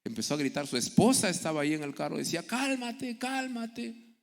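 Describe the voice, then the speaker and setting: A middle-aged man preaches a sermon in a gravelly, creaky voice. He tells stories from daily life and acts out the people in them. The recording carries the long reverb of a large hall. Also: a little high, animated, rapid-fire, a little mellow. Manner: storytelling, acting out quoted voices.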